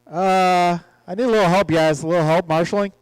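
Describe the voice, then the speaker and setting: High-pitched man calling RC races. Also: fairly even intonation, a little fast, clean tone, no echo, low-quality recording. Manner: casual, joking between calls. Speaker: race announcer. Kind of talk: live race commentary. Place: outdoor RC track.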